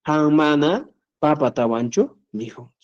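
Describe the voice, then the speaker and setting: Male teacher, slightly high mellow voice, patient, checks in constantly with students, muffled stream audio. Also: expressive. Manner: patient, repeats "¿ya?" checks and spells out examples slowly. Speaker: Quechua writing teacher. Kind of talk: live-streamed online lesson.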